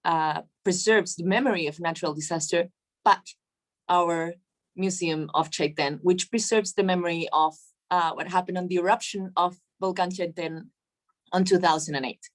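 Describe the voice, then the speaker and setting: A woman from Chile, a museum foundation director, presenting at an online seminar in a friendly, informal way, with halting fillers and easy laughs, heard over a video call. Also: fairly low pitch.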